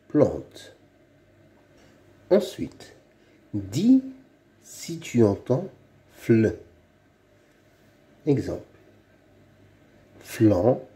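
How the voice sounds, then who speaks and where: A man giving a slow phonics reading lesson for young children, saying each word several times over. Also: mid-range voice, warm tone. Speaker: reading teacher.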